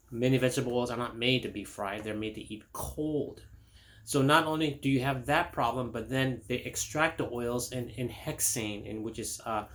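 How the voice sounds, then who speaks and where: A middle-aged Indonesian chiropractor gives a casual health talk to camera, rambling with many fillers, restarts and personal stories. His voice is medium in pitch and fairly bright.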